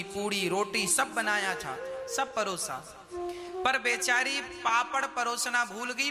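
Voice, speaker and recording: Man, very high voice, slow, devotional storyteller, humorous, long hall reverb, music. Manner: humorous folk storytelling, acts out characters. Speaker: religious storyteller. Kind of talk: devotional discourse with Sanskrit chanting.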